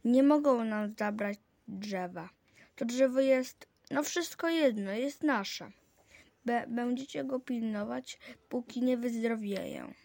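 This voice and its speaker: A woman's voice: a little high, slow, vocal fry, darkish tone, dry recording. A woman reading aloud, voicing a proud, bossy boy with a broken leg who talks down to his friends in a superior manner. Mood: commanding. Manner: superior, lordly.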